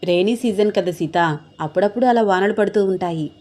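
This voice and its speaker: A woman voicing a loving young husband who gently soothes his tearful wife, in a soft, coaxing tone. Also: mid-range voice, brisk, lightly acted. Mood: tender reassuring.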